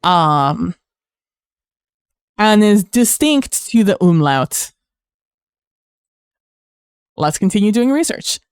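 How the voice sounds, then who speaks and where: Chatty young woman streamer, clear voice. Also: mid-range voice, big pitch swings, extremely slow, long pauses, no echo, studio quality. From Mexico. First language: Spanish. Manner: rambling, chatty, reading chat aloud. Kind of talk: casual livestream chat.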